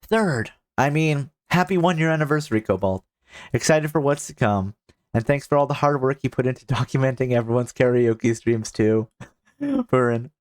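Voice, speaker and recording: Halting, soft-spoken male streamer. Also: medium pitch, sing-song, no room sound, studio quality. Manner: halting, stammers and repeats words. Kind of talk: casual live-stream chat, reading viewer messages.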